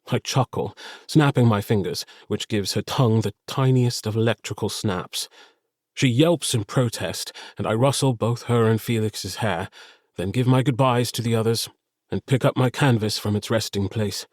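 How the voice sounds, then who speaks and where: A man's voice: lowish voice, moderate pace, dry recording, clean studio sound. Man narrating a cozy audiobook. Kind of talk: first-person audiobook narration.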